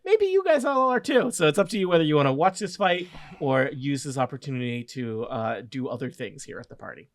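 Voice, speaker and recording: A man narrating a tabletop game as game master, improvising haltingly with pauses mid-sentence. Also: medium pitch, dry recording.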